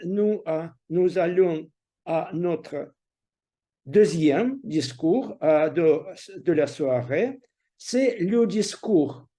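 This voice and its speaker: A man's voice: fairly high pitch, dark tone. A man hosting a speaking club meeting, introducing the next speaker formally and with some hesitation.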